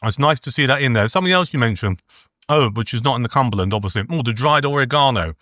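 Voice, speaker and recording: A man's voice: medium pitch, expressive, fast, pushed and bright, dry recording, studio quality. A man co-hosting a podcast, chatting easily about food, sometimes while eating. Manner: easygoing, chats while eating. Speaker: podcast co-host. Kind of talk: casual food review chat.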